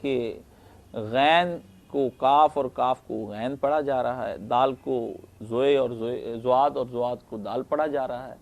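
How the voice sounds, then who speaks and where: A man from Pakistan, giving a conversational Islamic lecture and checking in with his listeners. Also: mid-range voice. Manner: conversational storytelling lecture, asks listeners "right?". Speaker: religious lecturer.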